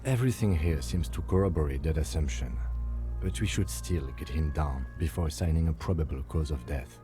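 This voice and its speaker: A man playing a composed, methodical police detective in a video game, measured and matter-of-fact. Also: a bass voice, dark tone, faint music behind. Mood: measured, dry. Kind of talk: video game character acting.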